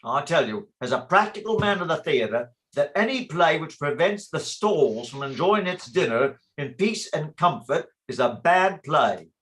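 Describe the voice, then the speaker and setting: A man's voice: fairly high pitch, lively intonation, unhurried, hardly any pauses, a bit bright, low-quality recording. A man playing a blunt, argumentative, practical theatre man in a stage play reading, blustering as he talks. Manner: blustering, interrupting.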